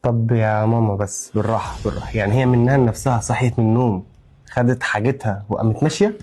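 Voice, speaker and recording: A man's voice: mid-range voice, racing, darkish tone, soft background music, natural voice. A man playing a young husband home from abroad, speaking urgently and reassuringly. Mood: probing. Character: young husband back from abroad, protective son.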